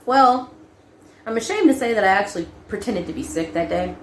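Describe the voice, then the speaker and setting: A young adult woman casually telling a personal story, animated, laughing often and acting out quoted lines. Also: mid-range voice, brisk, reverberant, slight background noise.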